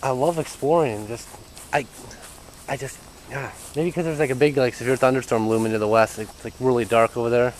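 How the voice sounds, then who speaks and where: A man's voice: medium pitch, fairly even intonation, brisk, slight background noise, rough recording. A young man filming himself outdoors with a handheld camera, talking in a hesitant, uneasy way and trailing off mid-sentence. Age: young adult. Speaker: urban explorer vlogger. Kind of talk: handheld exploring vlog. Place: outdoors in an overgrown yard.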